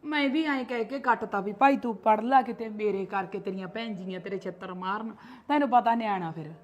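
ਇੱਕ ਔਰਤ ਆਪਣੇ ਪੁੱਤ ਦੀ ਰਾਖੀ ਕਰਨ ਵਾਲੀ ਤਿੱਖੀ ਜ਼ੁਬਾਨ ਵਾਲੀ ਭਾਬੀ ਦਾ ਕਿਰਦਾਰ ਨਿਭਾ ਰਹੀ ਹੈ, ਪੰਜਾਬੀ ਲਹਿਜੇ ਵਿੱਚ।. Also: female voice, medium pitch, brisk, highs cut off, lightly acted. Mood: explaining. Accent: Punjabi. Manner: argumentative, scolding, defensive. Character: protective mother, sharp-tongued brother's wife. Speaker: sister-in-law. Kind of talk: homemade family skit.

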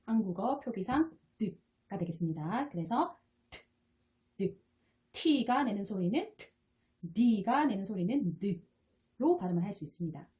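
A woman's voice: mid-range voice, expressive, slow pace, long pauses. A woman teaching English phonics, explaining patiently step by step and repeating each sound. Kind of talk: explaining lesson. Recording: soft guitar music behind. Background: quiet guitar music.

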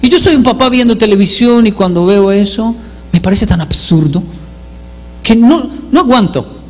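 Animated man telling stories on stage. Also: sits high, moderate pace, in a large hall. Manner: animated, acts out voices, self-mocking. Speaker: comedian. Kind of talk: stand-up storytelling.

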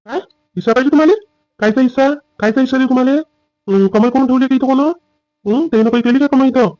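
A man's voice: very high-pitched, fast, darkish tone, no echo, lo-fi sound. A man playing a stern older farmer father. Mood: indignant. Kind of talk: family drama skit.

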